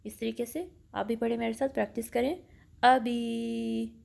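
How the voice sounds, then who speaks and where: Teaching Quran pronunciation online, this woman has a slightly high, gravelly yet warm voice. She works through each step in Urdu sprinkled with English, stretching out example words slowly for practice, speaking carefully and apologizing for her Urdu reading.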